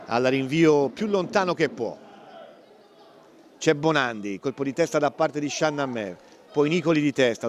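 An Italian man giving live play-by-play commentary on a football match. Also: on the high side. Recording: faint stadium crowd and outdoor noise. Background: football crowd and outdoor ambience.

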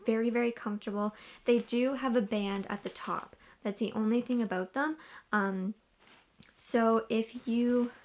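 A woman in her twenties chatting casually through a gym clothing review, often repeating "really, really" and "like", recorded in a small wood-panelled bedroom on a camera across the room. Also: a little high.

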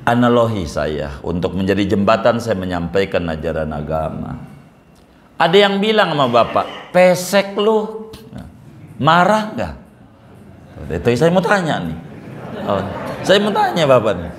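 A man's voice: lowish voice, very animated, normal speed, slight background noise. A middle-aged man preaching a sermon, firing rhetorical questions and joking asides. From Banten, Indonesia. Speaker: Islamic preacher. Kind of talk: sermon to a congregation.

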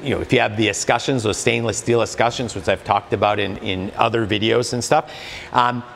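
A man's voice: on the low side, fairly even intonation, fairly quick, vocal fry, a bit bright, in a large hall, a little hiss or hum. A man in his forties at a spa supply store, earnestly explaining hot tub care to camera on a lapel mic, with lots of fillers and restarts. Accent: Canadian. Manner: earnest, many fillers and restarts, demonstrates products while talking.

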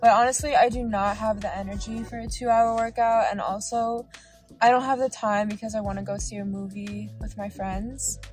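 A woman's voice: medium pitch, normal speed, faint music behind. Young woman giving casual fitness advice. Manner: earnest, relaxed, lots of "like". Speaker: fitness vlogger. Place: bedroom, home studio and parked car.

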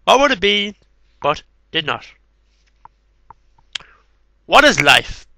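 A man in his thirties, an amateur poetry reader and video maker, reads poems with casual asides into a headset mic in a small, cluttered bedroom. His voice sits high and is very animated, slow, gravelly, pushed and bright, on a dry recording.

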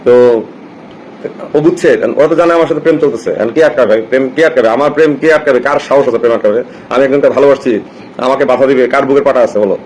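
A man's voice: medium pitch, quick pace, a little mellow, a little hiss or hum, low-quality recording. Rambling Bangladeshi man telling stories. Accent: Bangladeshi Bengali. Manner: rambling and anecdotal, restarts often, slips into English. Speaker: live stream host telling personal stories. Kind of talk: casual storytelling chat.

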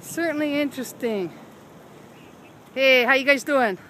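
A woman's voice: high-pitched, unhurried, bright, forceful tone, rough recording. A woman giving wry, questioning running commentary while she films a walk through a seaside park. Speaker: vlogger filming a walk. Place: outdoors in a seaside park by a road. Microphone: handheld phone camera. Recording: outdoor phone audio with wind and traffic noise.

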